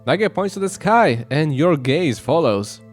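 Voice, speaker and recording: A man's voice: on the high side, expressive, a little slow, faint music behind. A man hosting and narrating a visual novel read-along with a playful manner. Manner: playful, reads then breaks into jokes. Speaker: channel host and narrator.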